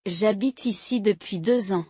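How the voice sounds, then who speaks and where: A woman slowly reading short example sentences aloud as a language teacher, each one clearly articulated in a steady drill. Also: medium pitch, dry recording, clean studio sound. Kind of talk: slow, carefully paced reading of example sentences.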